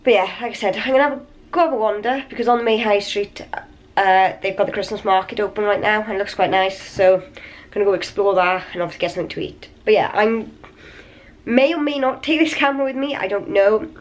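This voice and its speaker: A woman talks casually into a handheld camera from a hotel room, in a middle-pitched voice. A cold has left her slightly raspy and wheezy, and she sounds a bit out of breath. She rambles in a chatty, tired way. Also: fast. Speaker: vlogger. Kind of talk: casual vlog chat to camera.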